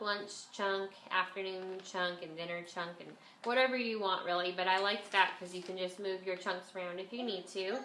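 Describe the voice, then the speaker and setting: Woman, casual homeschool vlog, congested nose-pinched voice from a cold, bright tone, faint noise behind her. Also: mid-range voice. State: has a bit of a cold. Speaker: homeschool vlogger and mother. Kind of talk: casual chat to camera. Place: at home, indoors. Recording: echoey room, faint background noise.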